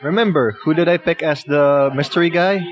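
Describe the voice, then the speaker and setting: Male co-host, slightly high voice, joking banter over clear background music. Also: a little fast. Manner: teasing, laughs often. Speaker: podcast co-host. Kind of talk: casual chat about wrestling picks.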